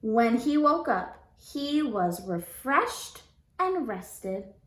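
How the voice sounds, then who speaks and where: A woman teacher reading a storybook aloud to young children in an expressive, deliberate way. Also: on the high side, reverberant, slight background noise. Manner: deliberate, expressive, prompting listeners with questions.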